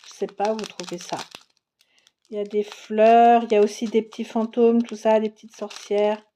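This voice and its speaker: A woman's voice: mid-range voice, level tone, normal speed, warm tone, a little hiss or hum. A woman narrating a crafting unboxing in a casual, chatty way, exclaiming over each item. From France. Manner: chatty, enthusiastic, exclaims and laughs often. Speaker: crafting vlogger.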